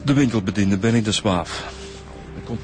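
Soft music plays behind a man voicing a relaxed, talkative detective in a naturalistic radio drama. His low-leaning voice sounds natural at a normal pace, and his Flemish-accented delivery stays colloquial and matter-of-fact.

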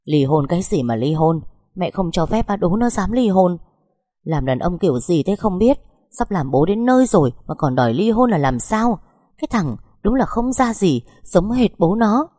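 A woman's voice: fairly low pitch, very animated, moderate pace, mellow, no room sound, clean studio sound. A woman voicing a stern but caring middle-aged mother-in-law who scolds bluntly. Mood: indignant scolding.

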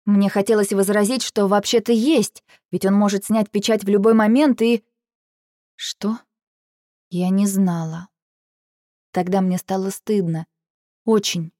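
A woman narrating a first-person fantasy audiobook in an even, measured storytelling manner. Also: medium pitch, dry recording, clean studio sound.

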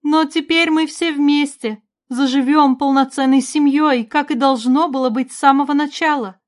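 Brief: tearful older queen mother, high, slow, teary voice, read by a woman narrator. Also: fairly even intonation. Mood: tearful, pleading. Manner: high, loud, slow and sobbing.

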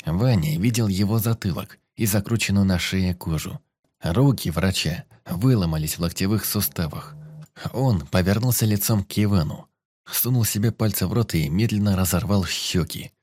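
A man narrating a horror audiobook in a steady, even manner. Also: low-pitched, normal speed, slightly rough, no echo. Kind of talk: scripted narration.

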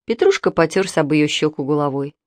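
Expressive woman narrating a children's book. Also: low voice, fairly quick, no echo. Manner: expressive storytelling.

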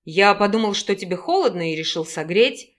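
A woman's voice: medium pitch, lively intonation, moderate pace, close to an everyday voice. A woman reading an audiobook, voicing a jealous, hot-tempered young man who is a wolf shifter, with growling, pleading outbursts. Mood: coaxing.

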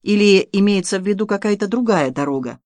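An audiobook reader voicing an excitable, touchy young Polish nobleman who bursts into loud exclamations. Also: medium pitch, brisk, no echo, natural voice.

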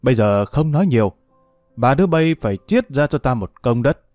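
A man's voice: mid-range voice, expressive, brisk, a little mellow, dry recording, soft background music, natural voice. A man voicing an angry, self-pitying older father, scolding and cursing. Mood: furious.

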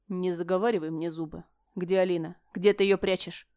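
A woman reading aloud and voicing a stern young emperor who questions flatly and insistently. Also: on the low side, close to an everyday voice. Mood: demanding. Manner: flat, insistent, slow questioning. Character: stern young male emperor, cold and demanding.

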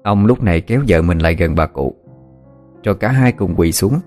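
Soft background music runs quietly beneath a man's low-leaning voice. He is an audiobook narrator, delivering the story at an even, measured pace.

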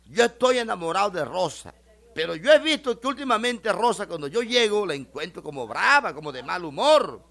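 A man's voice: sits high, big pitch swings, fairly quick, creaky, fairly bright tone, heavily acted. A man playing a shy, forgetful, lovestruck village man in a comic tale. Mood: worried.

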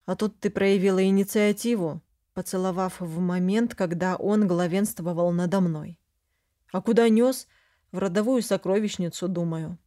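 Woman reading a male dragon general: stern, protective, mellow low-key delivery. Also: moderate pace, natural voice. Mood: calm.

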